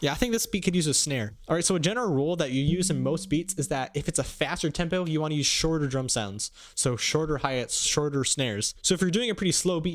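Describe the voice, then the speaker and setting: Fast-talking young man over loud beats. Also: fairly high pitch. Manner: upbeat, quick, hums drum patterns aloud. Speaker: beat-making tutorial host. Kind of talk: casual beat-making tutorial. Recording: loud music playing under the voice. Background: beats playing from the production software.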